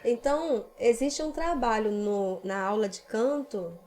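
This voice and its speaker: A woman's voice: fairly high pitch, measured pace, a little mellow. A woman singing teacher with a Brazilian accent, patiently explaining vocal technique in a casual podcast chat. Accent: Brazilian Portuguese.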